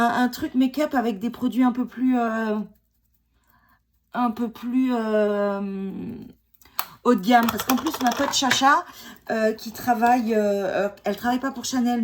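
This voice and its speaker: Against background noise, a woman with a slightly high voice chats through a casual makeup tutorial at home. She's a beauty vlogger in her forties with a cold, joking about herself, using lots of fillers, and restarting her sentences often.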